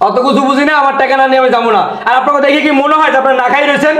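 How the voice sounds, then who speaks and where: A shrill, fast-talking shopkeeper, played by a man, scolding and badgering. His words pour out quickly. The room rings with echo. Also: steady tone, a bit bright. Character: pushy shopkeeper man demanding unpaid credit. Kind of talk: amateur short-film acting. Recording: echoey room.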